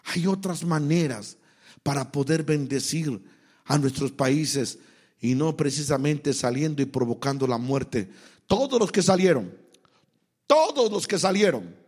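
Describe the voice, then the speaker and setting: A Mexican man with a Mexican accent delivering an impassioned sermon. His voice sits a little high and carries a husky, breathy edge. He presses hard on the exhortations and lets his voice fall for the quieter asides. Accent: Mexican Spanish. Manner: impassioned preaching, swings between loud exhortation and quiet asides. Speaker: pastor.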